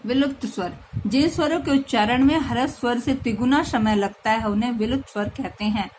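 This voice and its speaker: A woman teacher giving a slow grammar lesson to young children, patiently spelling out each sound. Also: on the high side, darkish tone, a little hiss or hum, poor audio.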